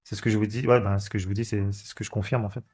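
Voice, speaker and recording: A man's voice: on the low side, flat delivery, rapid-fire, darkish tone, breathy edge. A man, casually thinking aloud as he walks through code, with many fillers and restarts. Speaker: coding channel host. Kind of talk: casual screen-recorded coding walkthrough.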